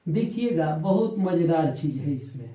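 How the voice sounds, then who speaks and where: A male teacher giving a lecture, drawing out sounds slowly for his students and answering his own questions. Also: a little high, animated, mellow, reverberant, poor audio. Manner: slow, drawn-out explanation, stretching out sounds for learners; asks the class questions and answers them himself. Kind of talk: classroom lecture.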